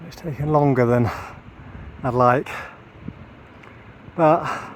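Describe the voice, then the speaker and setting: A man's voice: medium pitch, slow, slight background noise. A man hiking and talking casually, unscripted, to his camera. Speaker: hiker filming a vlog.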